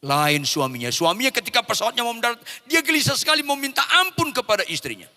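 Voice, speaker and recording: A bright, forceful male preacher whose voice leaps and dips as he acts out a story from the pulpit. He swings between hushed, low lines and shouted peaks. The sound carries a long reverb from a large church hall. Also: big pitch swings, fast. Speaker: pastor. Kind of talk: sermon.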